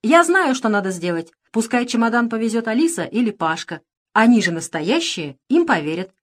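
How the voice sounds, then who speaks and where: Woman voicing a pirate queen, raised pitch, loud and bossy, storybook villainess, animated delivery. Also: normal speed. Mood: domineering. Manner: bossy, sharp, feigning sweetness. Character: scheming, imperious female pirate queen. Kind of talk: audiobook character reading.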